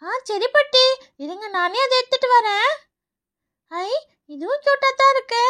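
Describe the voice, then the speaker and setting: A woman voicing an excitable little girl in a children's cartoon, pleading and eager. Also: very high voice, a little slow, heavily acted. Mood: excited. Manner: excited, pleading, repeats "paati, paati".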